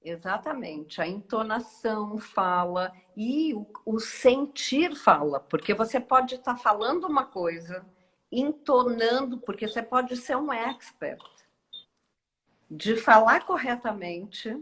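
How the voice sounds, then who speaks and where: A woman, hosting a reflective live online talk in a slow, musing way with many hesitations and tag questions. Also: on the high side, expressive, a bit bright, low-quality recording. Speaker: host.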